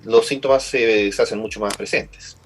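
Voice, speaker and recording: A pulmonologist with a Chilean Spanish accent gives lengthy explanatory answers as an interview guest. He's patient, often repeating words as he searches for phrasing, and speaks at normal speed in a lowish voice with fairly even intonation. A little hiss or hum is audible.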